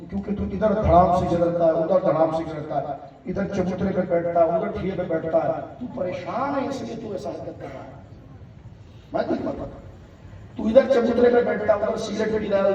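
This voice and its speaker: A man's voice: high voice, mellow, slight background noise. A man preaching a religious sermon to a gathering, exhorting with rhetorical questions and long lists of appeals. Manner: exhorting, rhetorical questions and listed appeals, calls audience to respond. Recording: distant, echoey, dull lo-fi hall recording.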